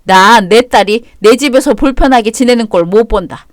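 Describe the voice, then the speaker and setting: An actor voicing an older father-in-law who is blunt and domineering, talking in a gruff, commanding way. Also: mid-range voice, normal speed, dry recording, clean studio sound, close to an everyday voice. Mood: scolding.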